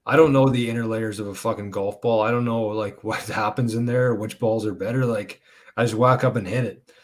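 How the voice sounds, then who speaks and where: A man's voice: fairly low pitch, steady tone, a little fast. A man co-hosting a live golf podcast, chatting casually with friends, rambling and swearing with lots of filler words. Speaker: podcast co-host. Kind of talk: casual chat.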